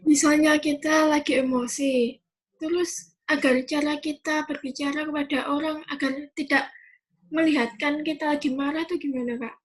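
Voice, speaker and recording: A woman student asking her lecturer a question in class, hesitant with a quick rush in the middle. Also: high-pitched, steady tone.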